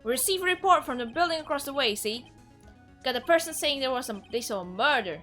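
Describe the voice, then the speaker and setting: A woman voicing a gruff, blustering male police detective with a put-on Southern drawl, loud and barking. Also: high voice, lively intonation, quick pace, faint music behind. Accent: put-on American Southern. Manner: loud, barking, tacks on "see?".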